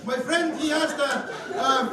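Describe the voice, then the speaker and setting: A man's voice: very high voice, slow. A man in his mid thirties with an Estonian accent and Estonian as his native language, doing dry, self-deprecating stand-up comedy. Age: mid 30s. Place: comedy club stage with audience. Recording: echoey club from far off, loud crowd.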